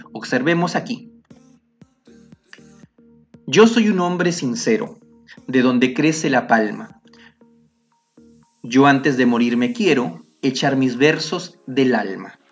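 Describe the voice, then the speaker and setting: A man's voice: fairly high pitch, dull audio. A man teaching a lesson on poetry, explaining patiently step by step and correcting himself as he goes.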